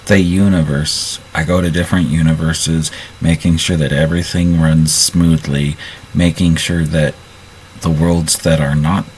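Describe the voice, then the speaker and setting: Deep, slow-talking man at role-play. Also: little pitch movement, darkish tone, a little hiss or hum, low-quality recording. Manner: halting, restarts sentences. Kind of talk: casual role-play narration.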